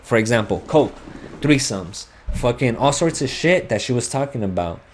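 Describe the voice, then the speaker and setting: A young gamer on a headset tells a long, heated personal story over game voice chat, swearing a lot and wandering into rambling asides. His mid-range voice has lively intonation and a normal pace, with slight background noise behind it.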